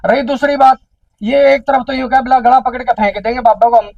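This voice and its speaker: A man's voice: very high-pitched, steady tone, a little fast, gravelly, a little mellow, no room sound, dull audio. A man with a Haryanvi accent addressing a village council meeting, indignant and full of repeated rhetorical questions.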